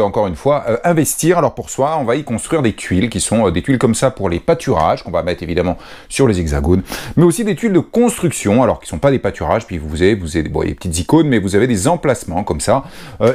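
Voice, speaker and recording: A French man walks through the rules of a board game in a relaxed, talkative manner. His voice rises and falls a great deal as he explains. He often pauses with fillers before going on. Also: medium pitch. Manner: chatty, lively, with frequent hesitations.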